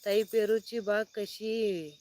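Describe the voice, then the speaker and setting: Flat-voiced woman. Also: medium pitch, slight background noise. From Sangli district, Maharashtra. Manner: reads out viewer names and greets each one, chatty and unhurried. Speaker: farmer hosting a live stream. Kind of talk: casual live-stream chat reading viewer comments. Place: outdoors at night, sitting under a light.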